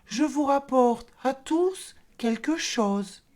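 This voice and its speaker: A woman's voice: sits high, animated, slow pace, darkish tone, pitched above the performer's own voice. A woman voicing the big bad wolf, a sly, menacing male wolf in a storybook reading. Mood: falsely sweet.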